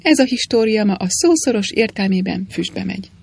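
A woman voicing a mild, clumsy old priest in a storybook reading, meek and fussy, with a husky tone. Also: medium pitch, expressive, a little mellow.

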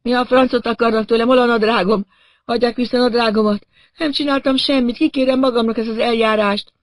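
A man voicing a panicked, wounded man who shouts and rants indignantly in an audiobook. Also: extremely high pitch, fairly even intonation, dry recording, voice pushed up. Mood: outraged. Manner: shouting, frantic, outraged.

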